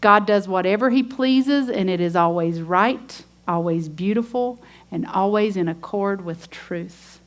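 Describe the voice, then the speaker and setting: A woman's voice: mid-range voice, measured pace, hardly any pauses. A woman teaching a women's ministry sermon, earnest and emphatic, reading scripture aloud.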